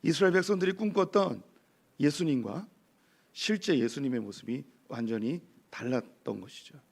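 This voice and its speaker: A male pastor with a hoarse voice preaching a sermon in church, lively and peppered with rhetorical questions to the congregation. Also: mid-range voice, moderate pace. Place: church sanctuary.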